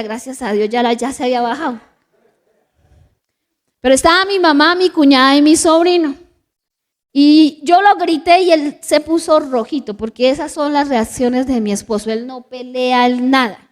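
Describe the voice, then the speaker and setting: High-voiced Colombian woman pastor preaching. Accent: Colombian Spanish. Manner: storytelling preacher, drops to soft asides and rises for emphasis. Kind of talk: sermon. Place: church.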